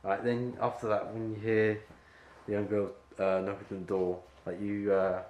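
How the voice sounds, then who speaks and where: A man's voice: on the low side, level tone, moderate pace, a little mellow. A man directing an actor at an audition, rambling and full of fillers as he explains the scene. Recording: echoey room with faint ambience.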